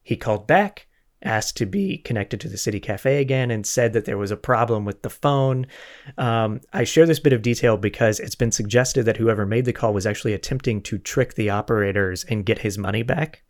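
On this true crime podcast, a fairly quick male host with a lowish voice walks through a historical mystery. He keeps it casual and chatty, tossing in jokes and correcting himself along the way.

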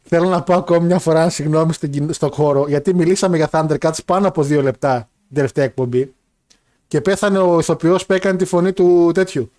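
Young man, slightly high pitch, casual banter, jokey, rambling. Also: darkish tone. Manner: joking, laughing, rambling. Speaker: podcast co-host reading listener messages. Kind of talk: casual banter about wrestling and football.

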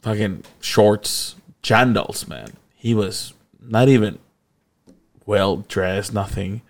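Man, young adult, casual storytelling, rambling, laughs often, deep voice, rough fry. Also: takes it slowly. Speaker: guest telling a story.

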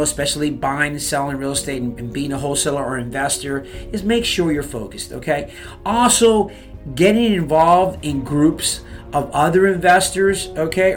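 A man giving real estate advice in a motivational talk, fired up, pushing his listeners with repeated "okay?" and "you guys.". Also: on the high side.

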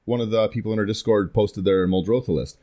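Podcast host, man, very low voice, keen long-winded talker. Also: fast talker, warm tone. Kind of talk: casual podcast chat.

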